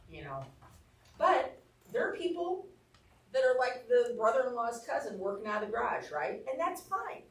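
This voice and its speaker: Very animated and pitched on the high side, this Arkansas-accented woman speaks at normal speed while teaching real estate. Her stories are frank and plainspoken, and the distant mic picks up the echo of the training room.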